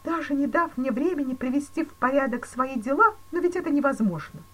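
A woman voicing a terrified male banker who pleads in shrill, panicky exclamations in a storybook reading. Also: animated, fairly quick, a bit bright, poor audio. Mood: panicked.

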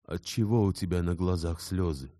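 A man's voice: low-pitched, moderate pace, mellow, no echo, studio quality, lightly acted. A man voicing an ardent young man weak from illness, passionate and exclaiming in an audiobook.

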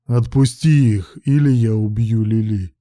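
A man plays a desperate young man who is cornered but defiant. He speaks slowly and forcefully, his dark voice close and dry. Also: fairly low pitch, no echo, natural voice.

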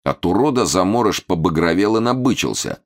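A man narrating a novel with a very low, deep voice that still moves freely up and down. His reading is expressive and lively, shaping each sentence like storytelling. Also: fairly quick. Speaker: audiobook narrator. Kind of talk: scripted narration.

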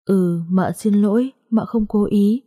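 A woman's voice: mid-range voice, unhurried, mellow, dry recording, clean studio sound, natural voice. A woman voicing the ghost of a young mother who speaks through a medium in choked, sobbing pleas. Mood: grieving, tearful.

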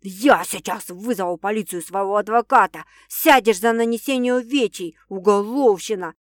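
A woman's voice: mid-range voice, moderate pace, no room sound, natural voice. Snarling rude producer guy barking insults, a woman doing him, audiobook, dry close sound. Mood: snarling angry. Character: angry middle-aged male film producer, rude bully.

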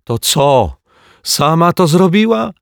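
A man voicing a tearful little girl who sniffles and speaks in a high, plaintive way. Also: lively intonation, slow pace, darkish tone, dry recording, studio quality. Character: weepy little girl mourning her caterpillar.

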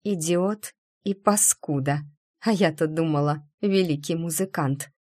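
Anxious young female violinist, low voice; read by a woman. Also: moderate pace, a little mellow, natural voice. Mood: flustered. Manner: flustered, shaken.

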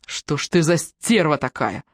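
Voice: medium pitch, very animated, a little slow, no room sound. Audiobook: reader playing crude, possessive man, swearing, menacing, dry studio read. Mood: raging. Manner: coarse, threatening, swearing.

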